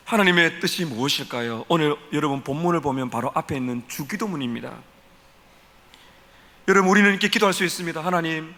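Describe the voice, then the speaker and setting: A man's voice: on the high side, pushed and bright, long reverb tail. A man preaching a sermon as a pastor, earnestly acting out prayers as he speaks.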